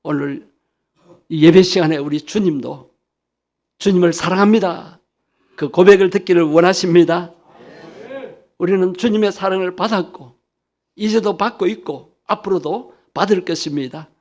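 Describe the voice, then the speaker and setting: A man's voice: high-pitched, moderate pace, long pauses, darkish tone. A male pastor delivering an earnest sermon, lifting his voice to speak the questions of Jesus with emphasis.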